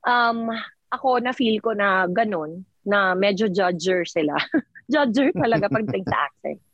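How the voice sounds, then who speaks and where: A woman's voice: medium pitch, lively intonation, unhurried, no echo, dull audio. A woman from the Philippines in her thirties, a teacher working abroad, talking animatedly in a casual chat with laughs and self-corrections.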